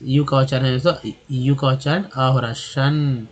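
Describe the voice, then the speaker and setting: A man gives an English lesson. He spells each word letter by letter and keeps asking and answering his own questions, in a voice of middling pitch. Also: fairly even intonation, normal speed. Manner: spells words letter by letter, asks and answers himself. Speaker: English teacher. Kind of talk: explaining pronunciation.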